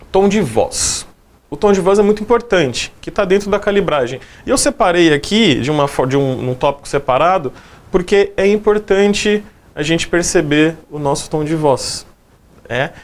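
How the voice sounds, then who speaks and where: A man with a Brazilian Portuguese accent, a psychologist giving a conversational sales training lecture, often checking in with his listeners. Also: on the high side. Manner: conversational, frequent "né?" and "beleza?" check-ins.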